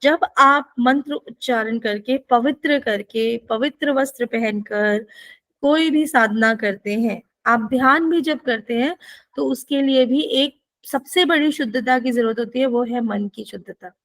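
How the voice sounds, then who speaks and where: A woman's voice: on the high side, a little slow, fairly bright tone. A woman giving a spiritual teaching session, explaining and often asking listeners rhetorical questions.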